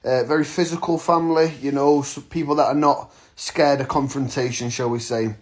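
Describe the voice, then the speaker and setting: A man's voice: mid-range voice, fairly even intonation, fairly quick. A man in his thirties, a vlogger telling a story straight to camera in a blunt, slangy, casual way. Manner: blunt, slangy, acts out the moments he retells.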